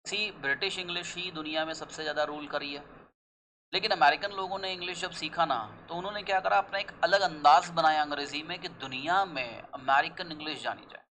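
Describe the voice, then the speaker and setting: A young man with an Indian accent teaching an English pronunciation lesson. He mixes Hindi and English, saying the English slowly and deliberately and rushing through the Hindi, and he asks questions and answers them himself. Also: on the high side, sharp tone, slight background noise, poor audio. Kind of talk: classroom lesson.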